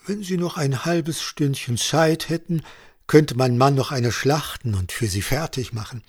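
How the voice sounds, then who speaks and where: A man's voice: mid-range voice, unhurried, breathy edge, pitched above the performer's own voice. A man voicing a cheerful, chatty middle-aged farmer's wife in a spoken story. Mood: jolly. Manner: chatty, jolly, confiding.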